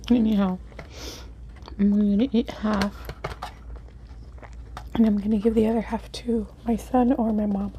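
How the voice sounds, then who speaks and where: A woman hosting an eat-with-me video, chatting casually in an unhurried, halting way as she thinks aloud. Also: mid-range voice, level tone, mellow. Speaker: mukbang video host. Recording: faint background noise.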